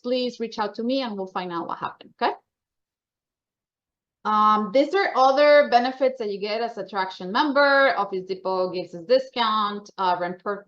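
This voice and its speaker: Speaking with a Colombian accent, a woman delivers announcements to members in a chatty, upbeat, informal manner. Her voice is medium-pitched and a bit bright, while the audio itself sounds slightly dull and lo-fi.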